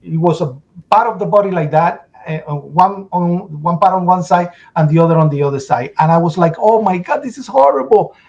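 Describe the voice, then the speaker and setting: A man's voice: on the high side, fairly quick, highs cut off. Man retelling a disaster, urgent. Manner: urgent storytelling, acts out shouts and his own past words. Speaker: interview guest. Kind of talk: emotional first-person testimony.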